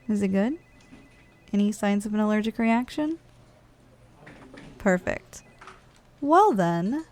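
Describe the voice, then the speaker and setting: In an intimate ASMR roleplay, a woman with a slightly high, somewhat mellow voice plays a playful, lazy giantess office worker. Speaking straight to the listener, she coaxes and is casually condescending.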